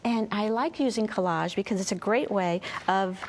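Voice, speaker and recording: A woman's voice: normal speed, a little mellow. A woman from Louisiana with a Southern US accent, speaking conversationally as an interview guest. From Louisiana, USA. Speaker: guest, children's author and musician. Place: TV studio. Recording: low rumbling background noise.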